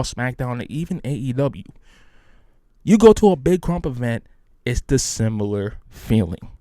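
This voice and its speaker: Male podcast host, mid pitch, hyped rambling delivery, dry close sound. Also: mellow, no echo. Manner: rambling, hyped, many restarts. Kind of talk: casual solo podcast talk.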